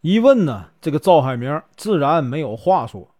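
A man telling a folk tale in a lively, chatty way, with drawn-out fillers. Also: on the high side, dull audio. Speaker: storyteller. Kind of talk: folk storytelling narration.

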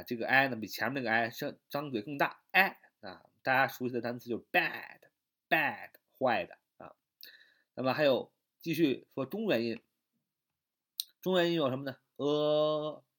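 Lessons on English grammar come from a man speaking Chinese, who goes step by step, restates his points, and lingers on fillers. His mid-range voice has a slightly bright quality.

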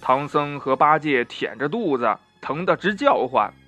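A man narrating a children's story in a gentle, unhurried way, stretching out the little particles at the ends of phrases. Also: a little high, big pitch swings, faint music behind.

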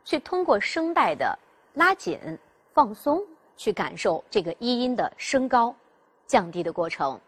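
A woman teaches pronunciation with a fairly high, husky voice. Her pitch rises and falls in lively swings as she explains step by step. She asks the class questions along the way and demonstrates each sound herself. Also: a little slow. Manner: demonstrates sounds by voicing them. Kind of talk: classroom instruction.

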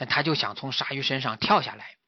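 A man's voice: medium pitch, fairly quick, slightly rough, no echo. A man, a father, animatedly telling a playful children's story to his son, with frequent exclamations. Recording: slightly muffled dry recording.

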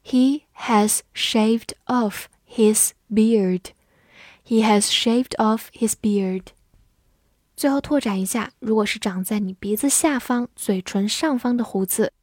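A woman with a slightly high voice works through an English vocabulary list in a scripted lesson. She speaks very slowly, spelling words letter by letter and reading the example sentences with care. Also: darkish tone, dry recording.

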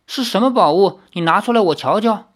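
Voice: mid-range voice, expressive, brisk, voice pushed up, lightly acted. Audiobook reader doing a cold sly old tree spirit guy, chuckly and mocking. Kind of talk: audiobook reading.

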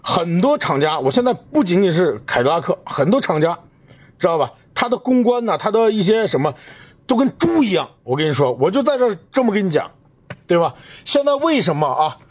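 Man, podcast host, indignant rant, rhetorical questions, slightly high voice. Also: big pitch swings, a little fast, breathy edge. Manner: indignant, emphatic, addresses listener with rhetorical questions. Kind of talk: solo commentary rant.

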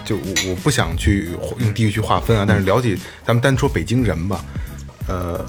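A man's voice: on the low side, brisk. A man with a Beijing accent giving his opinions in casual, colloquial, explanatory talk. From Beijing, China. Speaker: podcast panelist. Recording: music clearly playing behind.

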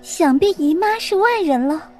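A delicate but sharp-tongued teenage girl, put on by a man in a children's story reading. Her voice is pitched very high and thin, and her words come out teasing and mocking. Soft music plays faintly behind her. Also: lively intonation, moderate pace.

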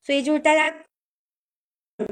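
A woman gives a live-stream lesson on English pronunciation, in a voice a little higher than usual. She explains patiently, with frequent drawn-out filler particles. She slows right down to model example sentences. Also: level tone.

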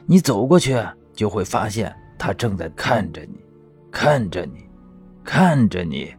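A man's voice: very animated, measured pace, darkish tone, soft background music. A man voicing a cheeky, thick-skinned young joker in an audiobook drama, teasing and mock-solemn. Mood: spooky. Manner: teasing, mock-solemn, drops to spooky low tones.

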